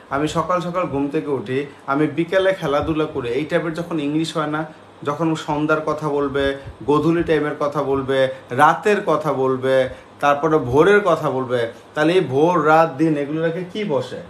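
A man's voice: a little high, normal speed, slight background noise. A male English teacher, giving a classroom lecture and drilling students with repeated questions. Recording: echoey classroom with faint ambience.

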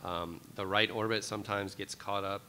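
A man's voice: steady tone, moderate pace, bright, forceful tone. A man speaking as a guest on a live convention panel, earnest and hesitant with many ums. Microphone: table mic on a stand. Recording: hall reverb with faint rumble.

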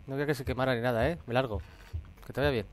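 A man's voice: mid-range voice, steady tone, racing, a little hiss or hum. A young man with a Spain Spanish accent commenting on a horror game as he plays, swearing and talking back to the game. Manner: jumpy, swearing, talks to the game. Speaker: gaming youtuber.

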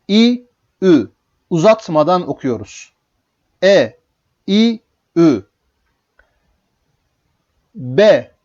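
Guy teaching letter drills super slow, lively up and down voice, kinda muffled lo-fi audio. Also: a little high. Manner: slow, drawn-out syllable drills with sung-up vowels; calm step-by-step explaining. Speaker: Quran teacher. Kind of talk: beginner Arabic letter reading lesson.

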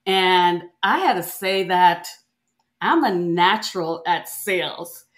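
Slow, cheerful woman from Jamaica. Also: on the low side, lively intonation, a bit bright. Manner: cheerful, unhurried, laughs easily. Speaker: podcast guest. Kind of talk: conversational interview storytelling.

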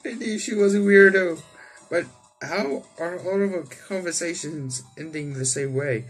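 Game music plays as a young adult gaming host, speaking from an indoor room, narrates a visual novel let's play and punctuates the reading with exclamatory, theatrical comments. He has a high-pitched, slightly rough voice and talks at a moderate pace.

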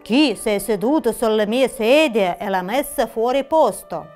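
A woman's voice: animated, a little slow, darkish tone, soft background music. Woman doing a roaring papa bear. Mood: gruff. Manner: roaring in a booming voice. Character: big gruff papa bear.

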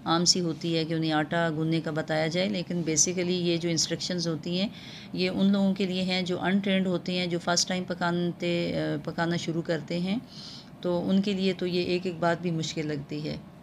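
A woman talks through a cooking lesson at home in a low, even voice. She explains patiently and fills her pauses with little hesitation sounds. A faint hiss sits behind her. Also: vocal fry. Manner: calm, explanatory, with frequent filler sounds. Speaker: cooking channel host. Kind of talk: home cooking tutorial voice-over.

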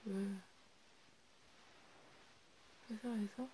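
A woman in a whispered role-play, comforting a friend softly and soothingly, slipping between a quiet voice and a whisper. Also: medium pitch, steady tone, extremely slow, a little hiss or hum, rough recording. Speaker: ASMR creator.

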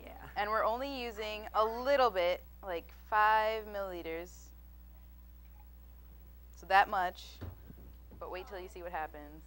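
A woman's voice: medium pitch, a little slow, pauses often, a bit bright. A young woman demonstrating chemistry to schoolchildren, giving friendly step-by-step explanations on a studio stage. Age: young adult. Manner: friendly, clear, step-by-step instructions. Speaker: science demonstrator. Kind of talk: explaining a chemistry demo to children. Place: TV studio stage with a child audience.

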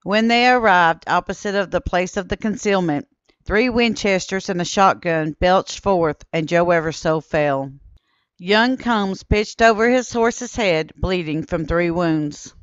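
Smooth-voiced woman narrating history. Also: fairly low pitch, no echo, highs cut off. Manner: steady, measured reading that quotes old newspaper sources. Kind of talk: scripted documentary narration.

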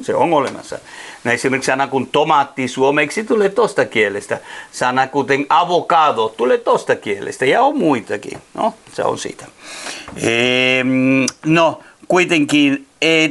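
Male teacher, somewhat high voice, halting learner's Finnish, lively and direct with viewers. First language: Spanish. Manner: non-native Finnish, halting with many fillers; animated, talks straight to viewers. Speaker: language teacher. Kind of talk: casual video lesson.

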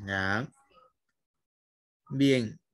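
A man's voice: lowish voice, very slow, a bit bright, clean tone, dry recording, clean studio sound. A man teaching a language class online, patiently guiding his students by name.

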